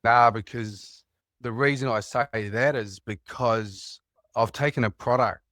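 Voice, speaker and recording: A man's voice: mid-range voice, unhurried, fairly bright tone, no echo, clean studio sound. A man from New Zealand with a New Zealand accent, calling in and telling rambling stories in a casual chat. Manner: rambling, anecdotal storytelling with laughs. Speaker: caller.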